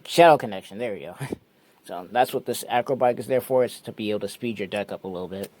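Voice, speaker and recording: A man hosting his own channel, casually walking through a card deck step by step in a relaxed, repetitive way. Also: lowish voice, fast. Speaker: card game channel host.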